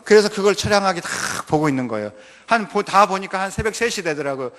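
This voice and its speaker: Male missionary preacher, slightly high voice, humorous storyteller, long reverb of a church hall. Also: fast talker. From North Jeolla Province, Korea. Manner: lively, humorous storytelling that draws laughs. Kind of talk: sermon with personal storytelling.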